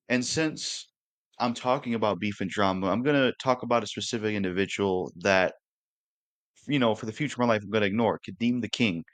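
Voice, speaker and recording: An earnest young man in his twenties talks straight to his viewers in a casual, looping monologue, dropping the occasional curse. His voice sits on the low side and sounds close and dry, with little room around it. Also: a bit bright, dry recording. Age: 20s. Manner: earnest, repetitive, occasionally cursing. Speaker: YouTuber.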